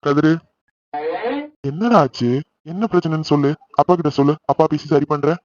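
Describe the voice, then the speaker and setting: A man voicing a calm, reassuring middle-aged father in a family cartoon. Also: fairly high pitch, normal speed, no room sound, muffled recording, lightly acted. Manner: gentle, reassuring. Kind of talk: cartoon voice acting.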